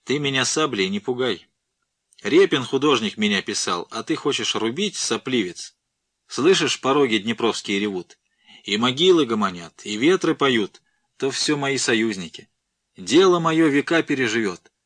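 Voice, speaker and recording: Man voicing an old male professor, commanding, booming, scolding, fearless, audiobook figure. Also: lively intonation, moderate pace, a bit bright.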